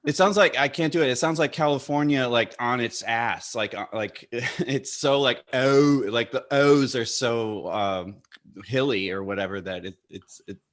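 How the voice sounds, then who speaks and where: A man's voice: medium pitch, normal speed. A man in a casual group chat with improv friends, teasing playfully and laughing often. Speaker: improv performer.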